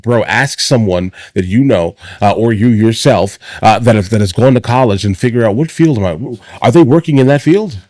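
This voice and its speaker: A man's voice: on the low side, no room sound, clean studio sound. A middle-aged man giving off-the-cuff opinionated commentary as a host, emphatic and repetitive, often tagging his points with short questions. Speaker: host of a reaction show.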